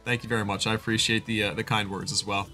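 A man's voice: lowish voice, little pitch movement, fast, bright, forceful tone, soft background music. A young man in his twenties streaming live, chatting casually and rambling, with a stuffy nose from allergies. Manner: rambling, chatty, thanks chat by name.

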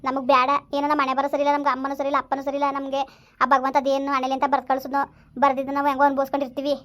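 A woman's voice: sits high, completely flat delivery, racing, a bit bright. A woman playing a bitter young woman raising her younger sister, complaining in a resentful rush, in a village family skit.

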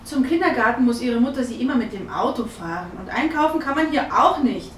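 Expressive woman reading a storybook aloud. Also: a little high, fairly quick, a little hiss or hum. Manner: lively, expressive, voices the characters. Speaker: children's book reader. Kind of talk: storybook read-aloud for young children. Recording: echoey room, from a distance.

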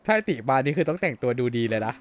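A man's voice: a little high, very animated, rapid-fire. A man in casual, profane gaming chat, speaking bluntly in crude slang as he streams over game ambience.

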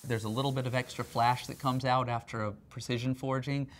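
This company R&D representative, a man in his thirties guiding a factory tour, delivers a brisk, level-toned promotional talk in a medium-pitched voice, conversational and explanatory, with background music behind him.

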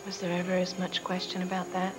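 A woman playing a quiet, insecure young wife. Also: on the low side, completely flat delivery, quick pace, lightly acted, rough recording. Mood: wistful. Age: young adult. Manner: quiet, hesitant, wistful. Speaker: soap opera character Trisha. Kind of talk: 1990s TV soap acting. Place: indoor studio set, dining room. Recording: soap soundtrack with music underneath.

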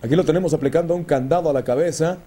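High-voiced Mexican man, lucha libre announcer. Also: rapid-fire, warm tone, slight background noise. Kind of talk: wrestling play-by-play commentary.

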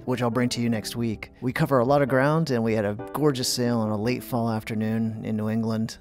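Male host narrating over guitar music. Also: mid-range voice. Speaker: show host. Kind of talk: scripted narration. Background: soft guitar music.

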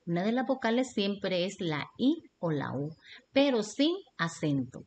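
Woman, Honduran Spanish accent, teacher, scripted lesson narration, very slow pace, faint hiss. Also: medium pitch, sing-song, darkish tone. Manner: slow, deliberate reading of lists and examples.

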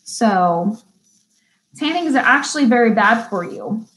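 A young woman leads a beauty school class online, her voice slightly high and her delivery unhurried. She reads each definition out word by word, then drifts into loose, chatty asides and easy laughter. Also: expressive, fairly bright tone, low-quality recording. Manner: chatty, laughs easily, stumbles and restarts. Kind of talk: live online vocabulary lesson.

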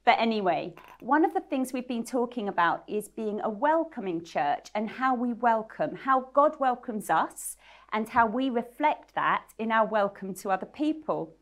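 A woman's voice: a little high, animated, normal speed. A middle-aged woman interviewing a church member, asking questions and affirming the answers, on a lapel mic in a small studio. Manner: encouraging, affirming. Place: small indoor studio set.

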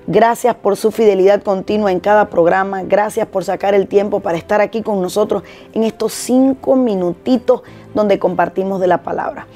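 A woman's voice: mid-range voice, mellow. A woman pastor giving a short devotional sermon, earnest and exhorting, repeating her key phrases.

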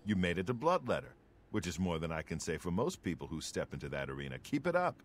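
An actor playing a gruff middle-aged gladiator trainer in a fantasy video game, giving tough, condescending coaching. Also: male voice, low voice, very animated, fast talker, slight background noise. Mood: gruff, stern. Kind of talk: video game character dialogue.

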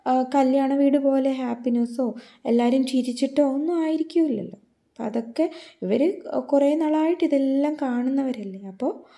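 A young woman recounts a personal experience on her vlog, earnest and full of detail. Her voice is high and mellow, with a gravelly fry underneath. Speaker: vlogger.

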